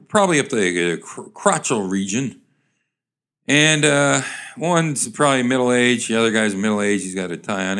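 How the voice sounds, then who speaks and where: Rambling man with a lively voice. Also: medium pitch. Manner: rambling, chuckling, hammy voices for quoted characters. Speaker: comedic reader of old joke cartoons. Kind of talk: ad-libbed comic commentary and joke reading.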